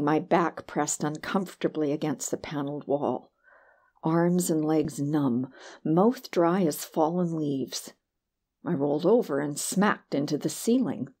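A low-pitched woman narrates a first-person short story for an audiobook. Her delivery is expressive and dramatic.

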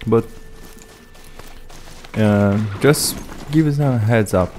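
This gameplay host, a man with a very low voice and Portuguese as his native tongue, chats casually about a video game in halting English. Sometimes he restarts his sentences, and loud game music sits underneath his voice-over.

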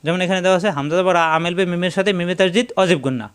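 High-voiced, clear male Quran tutor. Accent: Bangladeshi Bengali. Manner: slow, repeats syllables for drilling. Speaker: Quran pronunciation teacher. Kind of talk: step-by-step recitation lesson.

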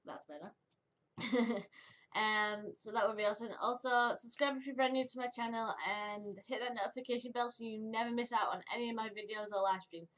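Woman, giggly, upbeat, a bit high voice, casual vlog chat. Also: steady tone, normal speed, fairly bright tone. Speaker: vlogger.

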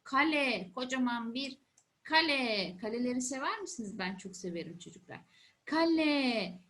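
A woman's voice: fairly high pitch, lively intonation, normal speed, bright, forceful tone. A woman teacher explaining a lesson to young children in simple, repeated phrases and questions, with encouraging, sing-song emphasis. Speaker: primary school teacher. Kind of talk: first-grade letter lesson for children.

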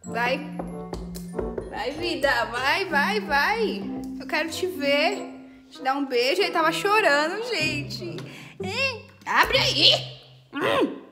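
A woman's voice: sits high, expressive, slow pace, long pauses, recorded from a distance. A young woman pranking her boyfriend in a casual vlog, teasing him and laughing often. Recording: very echoey room with music behind.

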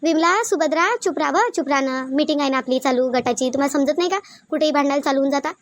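A woman voicing calm peacemaking village group leader. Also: high voice, fast talker, dry recording, natural voice. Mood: soothing. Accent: Varhadi Marathi. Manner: soothing, pleading, repetitive.

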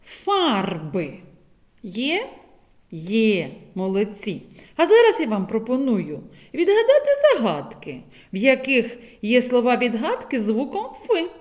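A woman teaching young children a phonics lesson, repeating words slowly and clearly. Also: a little high, wildly swooping pitch, darkish tone. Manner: slow, sing-song, exaggerated word repetition.

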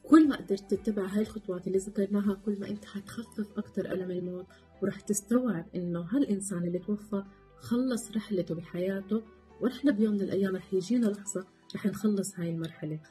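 Woman, warm voice, rapid calm advisor, faint guitar underneath. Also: mid-range voice. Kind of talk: reflective talk on coping with loss.

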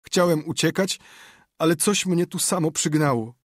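A man's voice: mid-range voice, animated, measured pace, darkish tone, dry recording, clean studio sound, voice pushed up. A man putting on a sobbing, pleading accused drunkard. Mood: whimpering. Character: desperate weeping accused drunkard, middle-aged man. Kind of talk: audiobook character reading.

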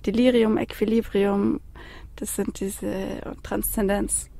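A woman reciting her own spiritual text in a slow, dreamy, incantatory way, often dropping into a gravelly whisper. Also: medium pitch, little pitch movement, mellow. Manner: slow, dreamy, incantatory, mixing in English phrases.

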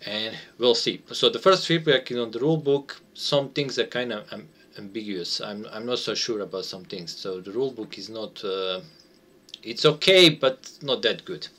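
With a lowish, bright, forceful voice at a moderate pace, a board game designer playtests his game, narrating an unscripted walkthrough. English isn't his first language, so he hesitantly searches for words, speaking in a small room at home.

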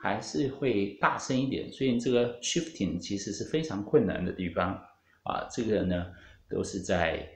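A man's voice: lowish voice, normal speed. A man with a Taiwanese Mandarin accent teaching a guitar lesson, explaining patiently with many fillers and English music terms. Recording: roomy, guitar playing at times.

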